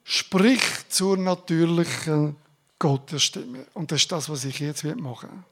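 A woman's voice: sits low, measured pace. A woman preaching a sermon to her congregation, speaking directly and informally and breaking into fervent bursts of praise.

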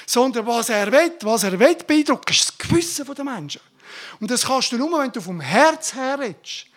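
Woman preacher, higher-pitched, fervent and informal sermon delivery with exclamations. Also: animated, moderate pace. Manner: fervent, exclaiming bursts of praise; addresses congregation directly, informal.

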